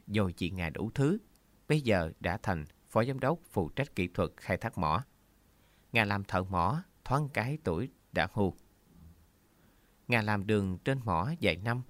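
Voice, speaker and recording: A male storyteller with a fairly low voice reads a story in a measured, earnest way. The recording is close and dry, with no room sound. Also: fairly bright tone, no room sound. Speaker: narrator. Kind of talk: story narration.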